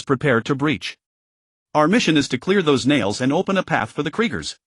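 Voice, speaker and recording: A man giving scripted audiobook narration in an even, steady reading. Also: mid-range voice, no echo.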